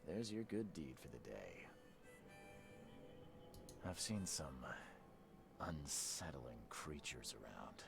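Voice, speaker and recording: A hard-boiled investigator in a video game. His very deep voice has a gravelly rasp, and he is terse, dry and skeptical. Music plays behind him. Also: sing-song, slow, pauses often, exaggerated voice. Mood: cool, probing.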